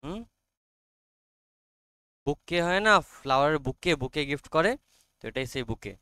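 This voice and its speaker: A male teacher with a Bengali accent running a classroom lesson, quizzing his students and reading English lines slowly aloud. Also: a little high, fairly bright tone, clean tone, dry recording.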